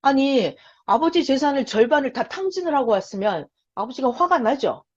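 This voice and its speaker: Animated woman teaching a Bible lesson. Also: high voice, normal speed. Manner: animated storytelling, quizzing the audience. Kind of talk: lecture for beginners. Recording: lo-fi dull recording.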